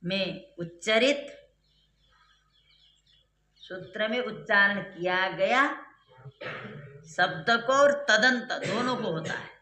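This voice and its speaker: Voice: medium pitch, slow pace, long pauses, sharp tone. A grammar teacher giving a classroom lecture, explaining step by step and quizzing the students. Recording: echoey room.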